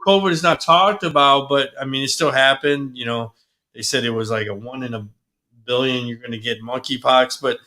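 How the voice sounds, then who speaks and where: A man with a bright, forceful voice, talking loosely in a casual chat. He co-hosts the show and rambles, often trailing off mid-thought. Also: mid-range voice, normal speed. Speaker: podcast co-host.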